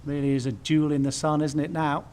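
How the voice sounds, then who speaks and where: A man giving golf commentary for television in measured, short, understated phrases. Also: on the high side, level tone, a little mellow.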